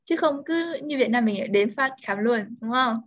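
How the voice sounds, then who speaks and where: A woman's voice: a little high, expressive, measured pace, dull audio. A woman with a Vietnamese accent tutoring English, patiently explaining words. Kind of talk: online English lesson.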